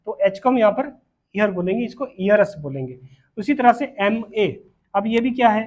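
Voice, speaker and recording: A man's voice: high voice, expressive, normal speed, darkish tone. A man with an Indian English accent teaching grammar, often repeating points and asking if students follow. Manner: repetitive, questioning, checks understanding often. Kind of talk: classroom lesson on grammar. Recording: dull lo-fi sound.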